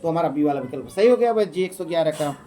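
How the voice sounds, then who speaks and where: A man teaching Sanskrit exam questions, reading options aloud, slowly chanting verses and explaining each answer in casual, repetitive speech. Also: fairly high pitch, animated, warm tone. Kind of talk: exam question walkthrough lesson.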